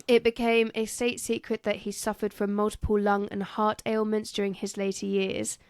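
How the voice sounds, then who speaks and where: A woman's voice: mid-range voice, little pitch movement, normal speed, darkish tone, smooth, no room sound. A woman co-hosting a casual history podcast, reading from notes and joking and swearing between facts. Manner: jokey, giggly, swears. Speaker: podcast co-host.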